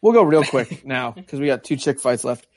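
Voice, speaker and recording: A man co-hosting a casual sports podcast, steering the talk with halting restarts. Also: medium pitch, expressive, no room sound. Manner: moves the talk along, hesitant restarts. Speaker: podcast co-host.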